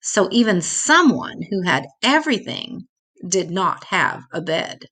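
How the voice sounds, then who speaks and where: An older woman with a lowish voice reads aloud from a children's picture book, taking it slowly and expressively and extending the key words for young listeners.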